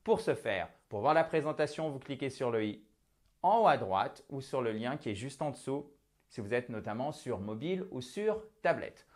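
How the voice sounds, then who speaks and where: A man's voice: medium pitch, big pitch swings. French man teaching business English. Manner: repeats phrases slowly, checks with "ok?". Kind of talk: video lesson in French with English examples.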